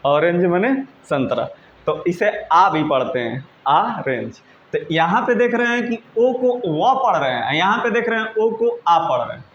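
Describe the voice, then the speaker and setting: A male teacher giving a patient, repetitive lesson, often checking that students follow and spelling words out slowly letter by letter. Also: sits high. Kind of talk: classroom-style lesson in Hindi. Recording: roomy, dull lo-fi sound with faint noise.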